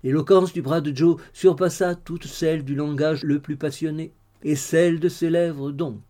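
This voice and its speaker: Male narrator, audiobook, measured literary telling, mellow, warm tone. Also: fairly high pitch, fairly even intonation. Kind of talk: audiobook narration of a classic novel.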